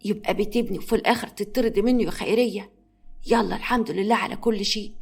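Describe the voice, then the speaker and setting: A humble old grandmother from an Egyptian storybook tale, played by a woman narrator, gentle and soft-spoken. She pleads patiently, her words tumbling out quickly. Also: medium pitch, steady tone, gravelly, husky. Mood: sorrowful.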